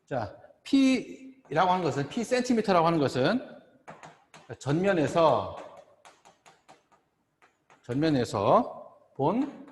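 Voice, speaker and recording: A middle-aged male professor lecturing at a board. He pauses often, repeats phrases and keeps checking that the class is following. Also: fairly high pitch, sing-song. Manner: halting, repeats phrases, asks "그죠?" for agreement. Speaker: optometry professor. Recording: echoey classroom with long reverb.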